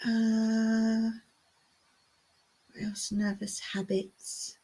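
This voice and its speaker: A woman's voice: on the high side, level tone, very slow, dark tone, breathy edge. A woman hosting a casual livestream from home, playing a word game with viewers. She muses aloud, reads out their comments and chuckles often. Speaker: livestream host. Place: home in rural Cyprus.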